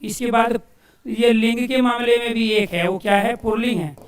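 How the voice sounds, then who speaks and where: A male coaching teacher giving a Hindi grammar lesson for exam students, asking questions and answering them himself and repeating key phrases slowly as if dictating. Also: extremely high pitch, fairly even intonation, echoey room, far from the mic. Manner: addresses listeners as dear friends.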